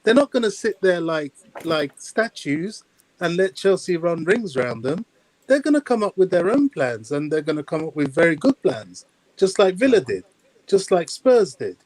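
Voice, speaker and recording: A man on a stream panel speaks with a high, lively pitch that swings widely. He is emphatic and stacks repeated phrases, and the sound is dry and close. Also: normal speed, dry recording, rough recording. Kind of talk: casual chat.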